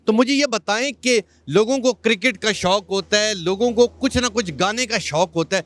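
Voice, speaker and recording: A man's voice: sits high, fairly bright tone. A man hosting an interview, introducing his guest and prompting him with leading questions in an upbeat way. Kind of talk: street-style interview.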